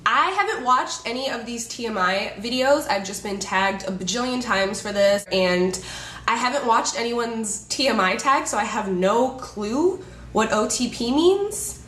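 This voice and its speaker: A woman's voice: on the high side, animated, unhurried, a bit bright, reverberant, slight background noise. A woman in her twenties chatting casually to camera, joking and laughing often. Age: 20s. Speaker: beauty vlogger. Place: indoors, a room in Los Angeles.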